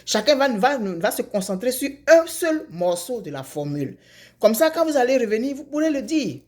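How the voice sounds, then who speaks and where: A woman voicing a clever chameleon in a folk tale, calmly giving instructions with rising emphasis. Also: a little high, moderate pace, pitched above the performer's own voice. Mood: advising.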